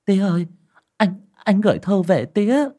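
High tearful young village woman, as a male narrator puts her on, pleading, lively. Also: normal speed, vocal fry, breathy edge, dry recording, studio quality, exaggerated voice. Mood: excited. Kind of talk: audiobook character voice.

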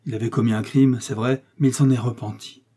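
Ardent young guardsman, voiced by a man; urgent, earnest, husky low tone. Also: steady tone, brisk, dark tone, close to an everyday voice.

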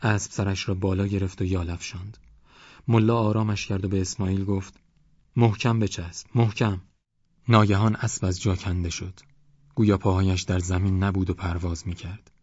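A man narrating an audiobook in a steady, even storytelling manner. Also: sits low, no echo, lo-fi sound.

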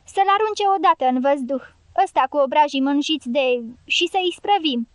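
A woman's voice: high voice, a bit bright, no room sound. A woman voicing a fierce, commanding female guerrilla leader in an audiobook, barking orders and swearing. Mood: furious. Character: fierce foul-mouthed middle-aged female guerrilla leader. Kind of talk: audiobook character reading.

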